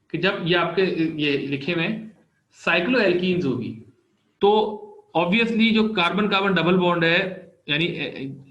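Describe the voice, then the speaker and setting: A man's voice: on the high side, a bit bright. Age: adult. Sex: man. Role: patient lecturer. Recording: roomy, dull. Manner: patient step-by-step explaining, walking through on-screen examples. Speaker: chemistry olympiad lecturer.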